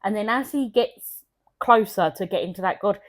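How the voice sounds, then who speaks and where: A woman's voice: medium pitch, moderate pace. A woman co-hosting a film podcast in casual, enthusiastic chat, often trailing off and restarting. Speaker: podcast co-host.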